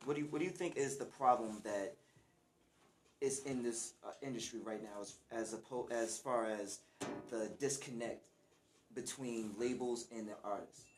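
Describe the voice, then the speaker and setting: A man's voice: mid-range voice, normal speed, background noise. A man hosting a casual radio interview, chatty and restarting his sentences as he goes. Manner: chatty, repeats words as he gets going. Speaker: radio host.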